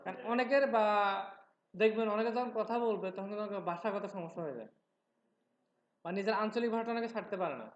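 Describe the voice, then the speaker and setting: A man from Noakhali in Bangladesh with traces of a regional Bangladeshi Bengali accent, teaching a live software class, talking fast and checking in with his students. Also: sits high. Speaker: software instructor. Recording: roomy, dull lo-fi sound with faint noise.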